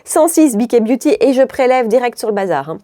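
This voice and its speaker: A woman's voice: on the high side, big pitch swings, brisk, mellow, no room sound, clean studio sound. A woman from Belgium with a mild Brussels accent, chatting through a makeup tutorial in a rambling way, often stopping herself and laughing. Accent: Belgian French, mild Brussels. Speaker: beauty vlogger.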